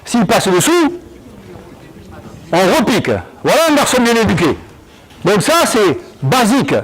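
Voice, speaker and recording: A male basketball coach running an on-court session, explaining drills and barking quick commands at players. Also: sits high, big pitch swings, breathy edge, poor audio.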